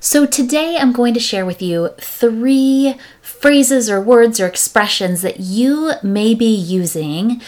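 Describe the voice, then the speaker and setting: A woman hosting a parenting podcast as a parent coach, talking casually and upbeat, acting out quick quotes of parents and kids. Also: on the high side, darkish tone.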